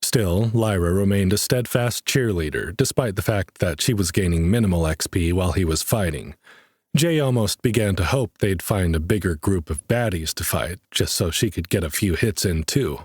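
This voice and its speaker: A man narrating a fantasy audiobook in a steady, even storytelling manner. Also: low voice, moderate pace, slightly rough, no room sound, clean studio sound. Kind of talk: scripted narration.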